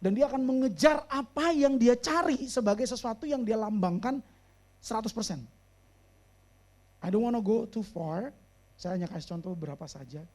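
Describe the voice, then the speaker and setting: Here a man who is a pastor and therapist preaches, dropping English phrases into his words. Emphasis means a slower, louder delivery, and serious moments mean a quiet, low one.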